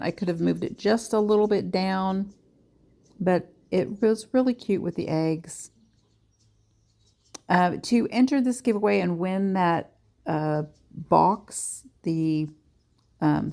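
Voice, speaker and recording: Low, gravelly, slow-talking woman vlogger. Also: darkish tone. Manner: chatty, self-deprecating. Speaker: nail art vlogger. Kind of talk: casual tutorial voice-over.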